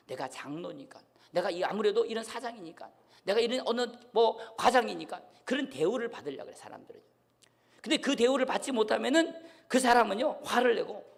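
A man's voice: sits high, vocal fry. A man pastor preaching a sermon, often calling out to the congregation for responses. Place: church sanctuary. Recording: long hall reverb from a church.

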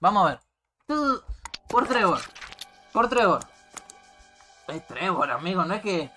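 A man's voice: high-pitched, big pitch swings, bright, forceful tone, faint music behind. A young man with an Argentine accent, a streamer freestyle rapping and then thanking his chat in rambling street slang. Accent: Argentine Spanish. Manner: slangy, rambling, fast-flowing street talk.

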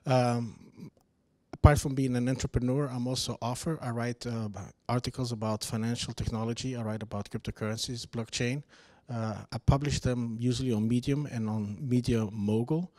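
A man from Greece, a company founder, giving a formal, measured self-introduction into a handheld mic in a seminar room. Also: medium pitch, fairly even intonation, a little mellow, no echo. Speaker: founder and CEO. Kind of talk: self-introduction at book launch.

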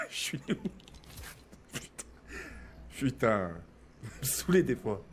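A man's voice: medium pitch, wildly swooping pitch, slow, a crowd in the background. A man from France streaming a game, ranting at his viewers with exasperation, swearing and stumbling over his words. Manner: exasperated, swearing, stammering restarts.

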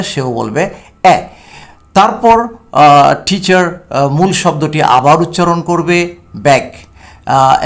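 A male teacher explaining a textbook English lesson, sounding out words slowly and filling pauses with "uh". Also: fairly high pitch. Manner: slow and explanatory with many "uh" fillers.

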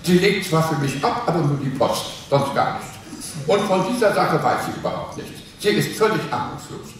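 A man's voice: fairly high pitch, expressive, normal speed, recorded from a distance, close to an everyday voice. A man playing a petulant, blustering henpecked husband. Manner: blustering, indignant, chuckling. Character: petulant henpecked husband plotting against wife. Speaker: actor in a staged reading. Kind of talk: live comic sketch reading. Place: theater stage before an audience. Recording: echoey, noisy live theater recording from afar.

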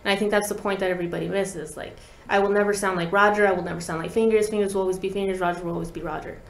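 A young woman, a guest musician who plays talk box, chats casually and with slang in an interview, demonstrating as she explains. Her medium-pitched voice is steady and rapid-fire, picked up by a tabletop podcast mic in a small indoor studio with roomy echo and light background noise.

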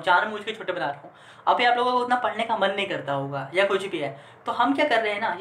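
Patient teacher, echoey room. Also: male voice, high-pitched, sharp tone. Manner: keeps checking that students follow along; mixes English terms into Hindi explanations. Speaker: accountancy teacher. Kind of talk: online class lecture. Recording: echoey room with faint ambient noise.

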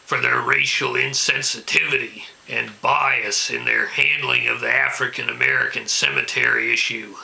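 A man's voice: medium pitch, creaky, sharp tone, full character voice, low-quality recording. A man playing an indignant mock-political ranter, declaiming emphatically in a comedic video monologue.

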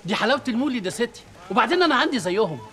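A generous Egyptian shopkeeper. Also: male voice, very high-pitched, sing-song, racing, bright, forceful tone, exaggerated voice. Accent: Egyptian Arabic. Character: kindly generous middle-aged shopkeeper. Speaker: shop owner. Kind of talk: TV drama acting.

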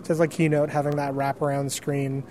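A man's voice: fairly high pitch, level tone, moderate pace, crowd noise. A man being interviewed as a developer, talking casually and hesitantly with many ums as he thinks aloud.

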